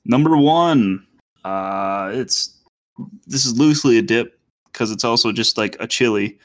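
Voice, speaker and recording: A man's voice: medium pitch, a little slow. A man co-hosting a casual podcast, rambling and hesitant, with lots of fillers and restarts. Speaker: podcast co-host. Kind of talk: casual chat.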